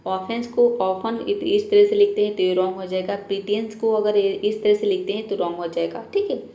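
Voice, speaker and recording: A woman with a mid-range, steady, mellow voice teaches English spelling rules at a fairly quick pace in a roomy-sounding space. She patiently asks questions and answers them herself, often checking understanding with "theek hai".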